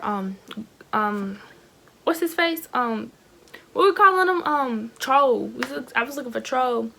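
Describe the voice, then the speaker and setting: A teenage girl chats into her phone camera, telling a storytime to her viewers with slang, fillers and plenty of "y'all". Her voice sits a little high and often drops into a gravelly vocal fry. The whole thing sounds casual and unscripted. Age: teens. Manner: chatty, animated, lots of fillers and slang, addresses viewers as y'all. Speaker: vlogger.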